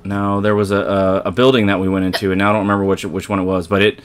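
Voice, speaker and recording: Deep-voiced man doing game commentary. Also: little pitch movement, quick pace, clear, resonant tone. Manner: rambling, self-correcting, talks to viewers while playing. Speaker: let's play host. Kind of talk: casual gameplay commentary.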